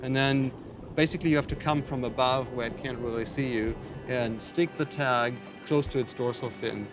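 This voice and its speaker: A man with a medium-pitched voice explains a technique step by step in an interview. Music plays clearly behind him. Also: fairly even intonation, normal speed. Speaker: diver interviewee.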